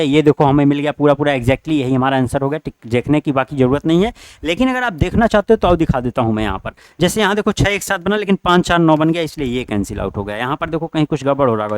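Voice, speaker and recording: A man's voice: mid-range voice, no room sound. A man teaching an online exam-prep class, working through test questions and urging his students again and again. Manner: repetitive, urging students directly.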